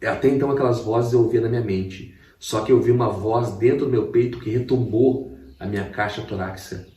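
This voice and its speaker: A man tells his personal testimony with strong emotion and acts out every quote. His voice sits at an ordinary pitch. It sounds roomy, as if the mic is some way off. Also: a little fast, warm tone, recorded from a distance. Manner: vivid storyteller who acts out quotes. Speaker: guest giving testimony.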